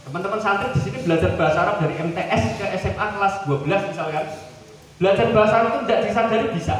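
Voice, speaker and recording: Male seminar speaker, Javanese accent, slightly high voice, playful and animated, miked from afar in a reverberant hall. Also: slight background noise. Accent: Javanese-tinged Indonesian. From Central Java, Indonesia. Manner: joking, animated, drops into playful mock dialogues. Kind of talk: lively seminar talk. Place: large hall at a boarding school. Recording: echoey hall recorded from far off.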